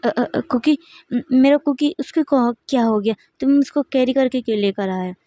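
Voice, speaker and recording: A woman's voice: mid-range voice, normal speed, darkish tone, no echo, lightly acted. A woman voicing a worried, strict middle-aged mother who scolds her son in a storybook reading. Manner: scolding, fretful.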